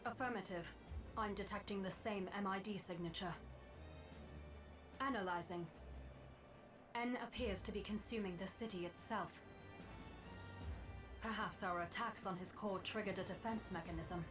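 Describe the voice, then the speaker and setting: A woman voicing a calm, polite female robot companion in a video game, speaking in a measured, courteous way over game music. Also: mid-range voice, natural voice. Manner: measured, courteous, softly even delivery.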